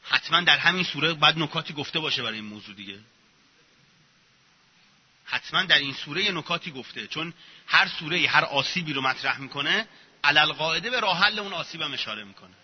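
A man's voice: a little high, animated, slightly rough. A man giving an informal religious lecture, sarcastic and acting out mocking examples as he talks. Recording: muffled echoey hall recording.

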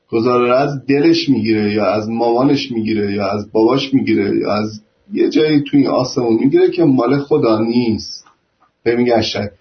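Male preacher, mid-range voice, fervent sermon built on rhetorical questions, muffled lo-fi recording. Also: mid-range voice. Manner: fervent, full of rhetorical questions, acts out imagined speakers. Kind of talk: religious sermon. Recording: dull lo-fi recording.

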